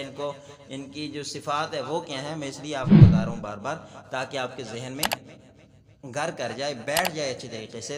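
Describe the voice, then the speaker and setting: Man teaching recitation in an echoing hall. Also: mid-range voice. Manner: repeats each sound slowly and drawn out for the learner. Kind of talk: slow word-by-word recitation lesson.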